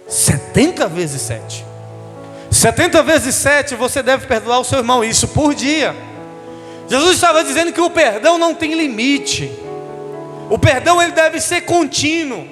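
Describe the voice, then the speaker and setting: A man's voice: extremely high pitch, fairly bright tone, in a large hall. A man, a bishop, preaching a sermon, calling the congregation "querido" and leading them in call-and-response. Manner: addresses listeners as "querido", leads call-and-response.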